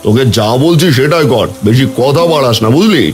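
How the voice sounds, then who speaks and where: A man's voice: mid-range voice, lively intonation, a little fast, soft background music, lightly acted. A man voicing a kindly but firm village headman who is also a poor fisherman. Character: kind middle-aged village headman and fisherman.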